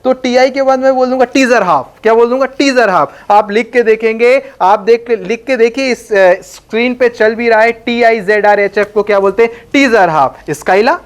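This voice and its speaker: A man with a high voice teaches chemistry through a playful story and mnemonic jingles. He keeps quizzing his students and chants rhythmic phrases and sound effects to make the material stick. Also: moderate pace, few pauses, clean tone.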